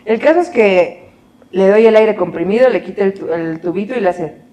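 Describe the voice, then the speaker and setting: A young woman with a Mexican accent, telling a story in an animated, slangy way during a casual chat. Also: medium pitch, moderate pace. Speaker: podcast co-host. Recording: roomy echo.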